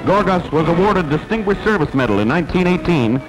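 A man's voice: a little high, very animated, brisk, low-quality recording. A man narrating in the style of an old newsreel, with clipped headline phrasing that drops articles. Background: loud music.

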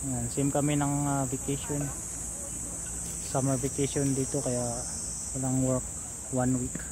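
Speaking into a phone held out at arm's length, a Filipino man in his thirties gives viewers a laid-back walking tour along an outdoor seaside park path. He has a Filipino accent and a medium-pitched, flat, unhurried voice, and the background is noisy with outdoor sounds and insects.

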